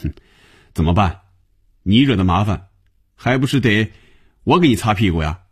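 Guy reading as a grumpy office boss, husky voice, lecturing and up and down. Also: fairly low pitch, sing-song, moderate pace, darkish tone. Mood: scornful. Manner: scolding, lecturing. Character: impatient male office manager, gruff.

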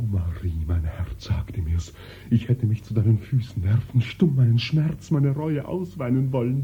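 A man's voice: mid-range voice, breathy edge. An actor playing a young nobleman who begs his beloved for forgiveness, often sinking to a whisper, in a classic radio drama. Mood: tender. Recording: muffled old radio recording.

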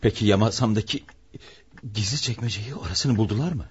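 An actor playing a frail older father in a radio drama, speaking in halting, gasping exclamations. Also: lowish voice, slightly rough. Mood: anxious. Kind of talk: 1960s Turkish radio drama acting. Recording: dull lo-fi archive radio recording with faint hiss.

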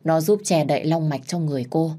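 A woman's voice: low-pitched, brisk, warm tone. A woman voicing an older female village shaman who gives stern, instructive warnings.

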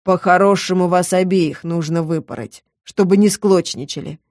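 A woman voicing a stern, commanding male leader who speaks slowly and gruffly. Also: on the low side, fairly even intonation, darkish tone, no echo, clean studio sound, lightly acted. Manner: gruff, slow, authoritative.

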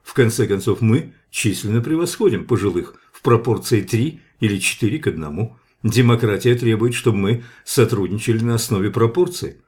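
A man reading the lines of an earnest, sharp-tongued young male scientist with an ironic, argumentative manner. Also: lowish voice, lively intonation, normal speed. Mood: joking.

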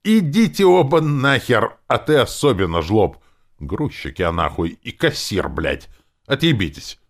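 A man's voice: mid-range voice, sing-song, moderate pace, voice pushed up, lightly acted. A man voicing a grumpy, greedy, foul-mouthed female demoness in an audiobook, with a whiny, shrieking and sarcastic delivery. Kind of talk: audiobook character voice.

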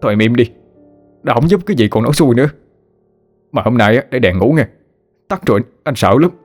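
A man's voice: medium pitch, animated, a little fast, soft background music, lightly acted. A man voicing a frightened drunken husband who stammers and pleads with his wife.

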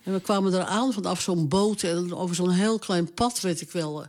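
A woman's voice: fairly low pitch, normal speed, a little mellow. Older woman, interviewee, hesitant, plain-spoken, casual reminiscing.

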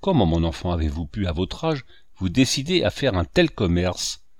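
A man's voice: low-pitched, very animated, moderate pace, no echo, clean studio sound, voice pushed down, full character voice. A man voicing a grave village priest. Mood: stern. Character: gentle but firm older village priest. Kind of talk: audiobook character reading.

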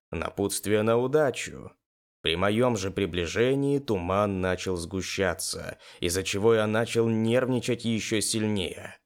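A man narrating a first-person game-fiction audiobook in an expressive storytelling manner. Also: lowish voice.

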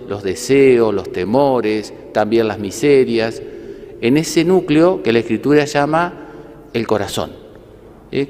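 A priest preaches a homily in a conversational way. He often adds asides and rhetorical questions, and his medium-pitched voice rings with a long reverb like a church hall. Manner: gently humorous.

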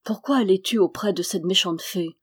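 A woman's voice: mid-range voice, normal speed, breathy edge, close to an everyday voice. A woman reading aloud, voicing a desperate young peasant girl who pleads through tears. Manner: pleading, sobbing cries.

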